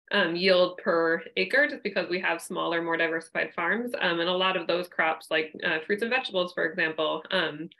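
Young woman on a video call, kinda low and gravelly, lots of ums and restarts. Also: pushed and bright, low-quality recording. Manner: many fillers and restarts. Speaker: regional policy staff. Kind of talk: panel discussion. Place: home room.

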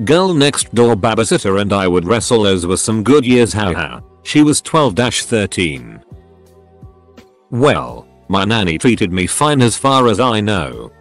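Low-voiced man reading stories aloud. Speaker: narrator. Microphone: voice-over.

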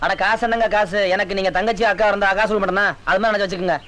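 An actor playing a brash, boastful village bachelor in a film comedy, bossing people around and scolding them. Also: male voice, high voice, fairly even intonation, very fast, sharp tone. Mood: bossy.

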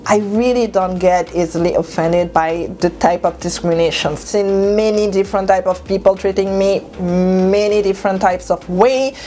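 Animated young woman from Cameroon. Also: moderate pace, few pauses. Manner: animated, gestures a lot, jumps up in pitch for emphasis. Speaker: vlogger. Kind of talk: talking to camera, motivational advice. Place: bedroom at home, indoors. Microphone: clip-on lapel mic.

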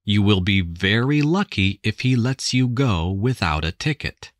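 An American woman reading English textbook passages aloud with careful, deliberate enunciation. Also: extremely low pitch, expressive, no room sound, studio quality. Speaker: English text reader. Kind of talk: slow scripted textbook reading.

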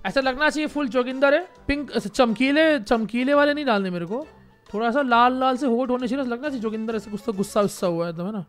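An excitable young man with a strikingly high voice talks through a game in casual, joking commentary. He fires off phrases in quick bursts and repeats them, like a gaming YouTuber riffing for his viewers, with soft music playing underneath.

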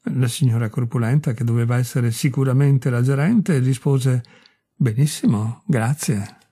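A man reading a short story aloud in a measured, expressive storytelling style. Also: medium pitch, husky. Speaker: reader of literature.

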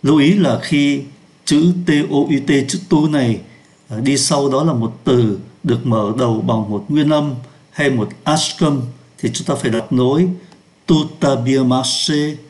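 A man teaching French pronunciation in Vietnamese, slowing down to sound out French words. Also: medium pitch, a little mellow. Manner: slows down to pronounce French words. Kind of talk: lesson explaining pronunciation.

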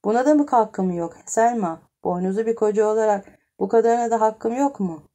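A woman's voice: on the high side, a little fast, warm tone, lightly acted. A woman voicing a bitter, sulking middle-aged husband who answers curtly and wearily in an audiobook story. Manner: weary, curt, resentful.

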